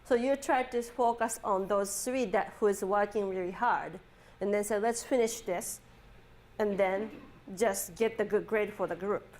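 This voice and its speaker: A woman's voice: mid-range voice, moderate pace, a little mellow. A woman psychology professor giving a classroom lecture, mixing chatty stories with textbook definitions and acting out quoted dialogue.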